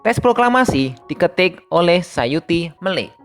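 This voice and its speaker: A teacher reading a scripted lesson for primary school pupils, speaking to them directly in a steady reading voice. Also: medium pitch, normal speed, faint music behind. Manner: reads steadily, addressing pupils as younger siblings.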